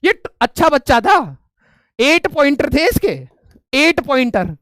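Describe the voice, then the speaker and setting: Very high-voiced young man telling a story. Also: takes it slowly, no room sound, studio quality. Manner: animated, keeps saying "ठीक है". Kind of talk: casual storytelling to viewers.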